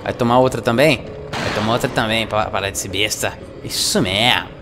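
Man, gameplay commentary, excitable, swearing, faint music behind. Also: on the low side, moderate pace. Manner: excitable, swears and yells at the boss. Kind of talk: live let's-play commentary.

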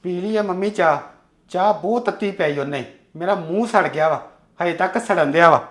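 A man's voice: high voice, moderate pace. A man playing a stern scolding husband. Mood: sulky. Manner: scolding, accusing. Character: stern husband defending his sister. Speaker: son and husband in a family drama. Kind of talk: amateur family drama acting.

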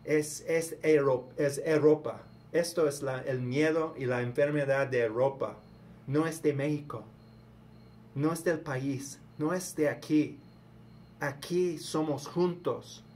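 A man from the United States giving a casual spoken sermon in a halting, preachy way, often repeating his words. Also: a little high, a little mellow, a little hiss or hum. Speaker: vlogger.

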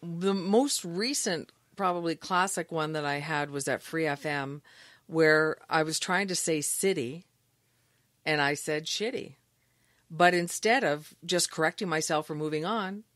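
Lowish-voiced woman telling funny radio stories. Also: no echo, clean studio sound. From Canada. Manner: animated storyteller, laughs often. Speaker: radio news anchor, guest. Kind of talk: casual interview storytelling.

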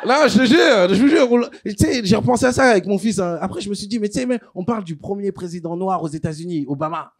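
A man in his thirties doing stand-up in a comedy club, animated, swinging between loud bursts and low asides. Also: fast talker, hardly any pauses. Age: 30s. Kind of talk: stand-up storytelling.

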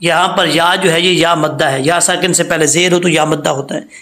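A man teaching recitation rules patiently, step by step, and chanting slow examples. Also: a little high, fairly even intonation, pushed and bright. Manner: patient, explains step by step, then chants slowly. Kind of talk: tajweed lesson with recited examples.

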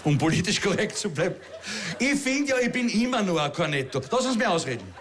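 A man's voice: high voice, sing-song, brisk, a crowd in the background, background noise. A middle-aged man with a Viennese accent telling a stand-up story, chatty and self-mocking, with laughing asides. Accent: Viennese Austrian German. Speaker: comedian.

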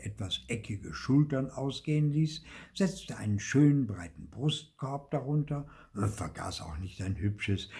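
An older man reading a children's storybook aloud in an expressive way. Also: mid-range voice. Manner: expressive, lively read-aloud.

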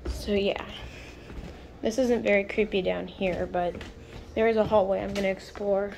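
A female vlogger talking to viewers in a nervous, hushed night-time manner while exploring indoors on a handheld camera. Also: mid-range voice, steady tone, normal speed, creaky. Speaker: vlogger hosting a challenge video. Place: indoors in hotel hallways. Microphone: handheld phone camera, walking. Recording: handheld recording with background noise.

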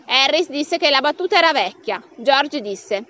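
A woman reading a comic novel aloud as an audiobook, bringing the dialogue to life with raised pitch. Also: expressive, moderate pace, bright, forceful tone, highs cut off. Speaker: audiobook reader.

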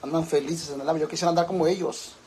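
A man's voice: a little high, steady tone, very fast, a little mellow, slight background noise. A man with a Mexican accent vlogging casually at home, campy and theatrical, cooing at his pets and swearing freely. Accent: Mexican Spanish. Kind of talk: casual home vlog chat. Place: home with pets and fish tanks.

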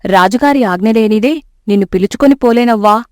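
A woman's voice: a little high, a little fast, no room sound, lightly acted. Woman doing a storybook granddaughter, young, familiar, caring, dry.

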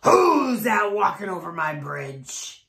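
Mean ugly troll voiced by a woman, low gruff voice, slow drawn-out lines, echoey room, storybook. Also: sing-song, a bit bright, exaggerated voice. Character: mean ugly male troll under a bridge.

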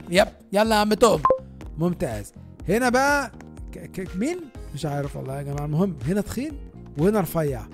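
Chatting directly to his audience, a gaming YouTuber speaks quickly in an Egyptian Arabic accent, his pitch jumping around with each reaction. He's an Egyptian man, and faint music plays beneath his voice.

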